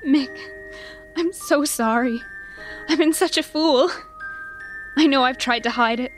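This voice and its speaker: A woman's voice: high voice, a little slow, soft background music. An actor voicing a lovestruck, melodramatic woman as the heroine of a comedy audio drama. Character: breathless, lovestruck romantic heroine, melodramatically remorseful.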